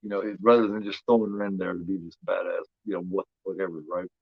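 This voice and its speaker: A fifty-year-old man talks loosely as he watches along, with lots of restarts, fillers and casual swearing. His voice sits a little low. The audio is dull and muffled, and the sound is dry and close. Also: little pitch movement, fast, gravelly, slightly rough, no echo. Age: 50s. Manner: rambling, repeats himself, frequent fillers and swearing. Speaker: host.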